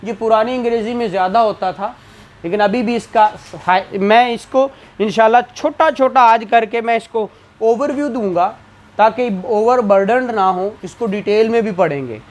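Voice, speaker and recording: A man's voice: high voice, moderate pace. A man giving a classroom lecture as a law exam tutor, asking questions and answering them himself.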